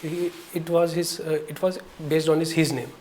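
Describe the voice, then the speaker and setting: A young man from Jammu and Kashmir answering interview questions politely and deferentially, pausing often to gather his words. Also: a little high, steady tone, a little mellow, slight background noise. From Jammu and Kashmir, India. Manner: polite, deferential, hesitant with many pauses. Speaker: interview candidate.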